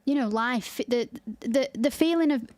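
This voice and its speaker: A Lancashire-accented podcast host, worn out from a 24-hour stream, keeps up a casual, open chat full of easy laughter. She speaks at a measured pace in a high-pitched, slightly mellow voice, with no room sound.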